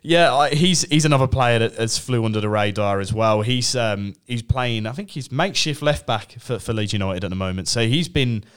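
A man's voice: medium pitch, moderate pace, hardly any pauses, clear, resonant tone. A man hosting a casual podcast, eager and upbeat, often repeating words as he starts a thought. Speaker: podcast host. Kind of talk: casual fantasy football chat.

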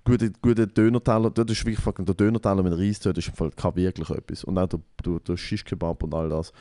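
A man's voice: deep voice, fairly even intonation, fast, warm tone. A young man with a Swiss German accent in casual chat, telling a story with lots of swearing and acting out what others said.

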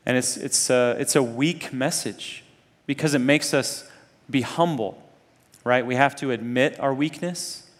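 At an unhurried pace and medium pitch, a man from Zambia and Kenya preaches to students. His tone is conversational yet earnest, and he often turns to his listeners with rhetorical questions, with a long hall reverb on the audio.

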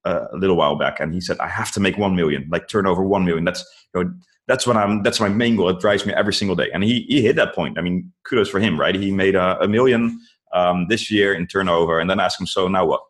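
A man's voice: low-pitched, fast. A man talking casually as an interview guest, earnestly giving advice and often saying "like" and "you know". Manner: says "like" and "you know" a lot.

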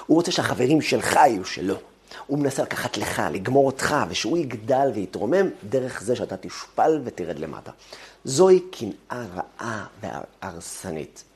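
Animated male Torah teacher. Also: mid-range voice. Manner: animated storytelling with acted-out quotes. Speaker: religious teacher. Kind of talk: weekly Torah portion talk.

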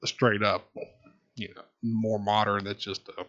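A man's voice: on the low side, level tone, measured pace, fairly bright tone. Easygoing man guest, dull sound. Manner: easygoing, thinks aloud with restarts. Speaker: podcast guest. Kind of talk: casual podcast chat.

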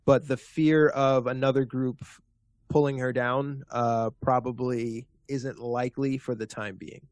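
A man narrates as game master of a tabletop role-playing game, pausing often with fillers. His voice is dry and close, with no room sound, at an ordinary middle pitch. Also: flat delivery, darkish tone, no echo. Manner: hesitant, many fillers.

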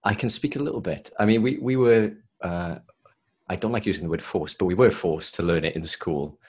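A man with a soft South Welsh accent, chatting casually as a guest in an interview. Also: low voice, a little fast, slightly rough. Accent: South Welsh, softened. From South Wales. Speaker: podcast guest, solicitor.

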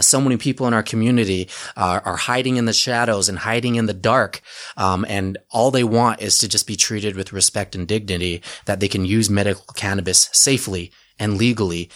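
A man's voice: lowish voice, fairly bright tone. A man in his forties from Utah, a podcast guest talking earnestly at length, with frequent fillers and restarts. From Utah, United States. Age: 40s. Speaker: guest, dispensary representative. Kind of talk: casual podcast conversation.

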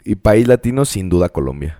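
A man's voice: low-pitched, expressive, fairly quick, warm tone, dry recording, studio quality. A man with a Mexican accent, co-hosting a casual podcast and telling stories in a laid-back, slangy way. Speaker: podcast co-host. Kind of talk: casual chat.

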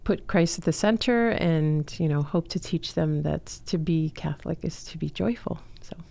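A Chilean woman in her forties who was raised in Miami, a school co-founder, tells her personal story as an interview guest. Her storytelling is earnest and heartfelt, dotted with fillers. Her voice is low-pitched and warm with vocal fry, at a moderate pace.

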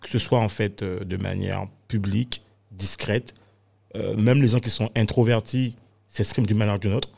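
A man chatting in a studio round-table discussion, talking in an animated way and filling his sentences with frequent fillers. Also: on the low side, moderate pace, vocal fry, husky. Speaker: podcast guest. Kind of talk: casual round-table chat.

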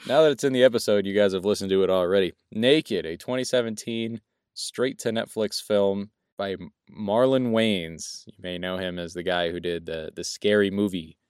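A man's voice: lowish voice, moderate pace, darkish tone, clear, resonant tone, no room sound, clean studio sound. A young man co-hosting a casual film review podcast, rambling and joking, often correcting himself mid-sentence. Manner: rambling, jokey, self-correcting. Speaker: podcast co-host.

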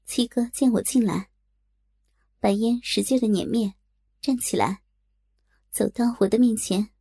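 A woman reading a first-person adult audio novel in a steady, intimate storytelling manner. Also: a little high, a little slow, husky, no echo. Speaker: narrator.

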